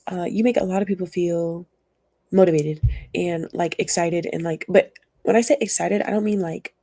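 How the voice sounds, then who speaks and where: A woman's voice: lowish voice, fairly even intonation, moderate pace, mellow, no room sound. A young woman giving a casual tarot reading, chatty and rambling, laughing often and acting out what people might say. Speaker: tarot reader.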